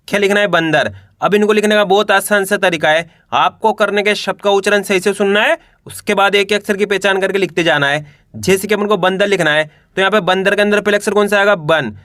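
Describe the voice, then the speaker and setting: A man's voice: high-pitched, a bit bright, dry recording, studio quality. A man teaching a reading lesson, sounding out words syllable by syllable and quizzing the viewer.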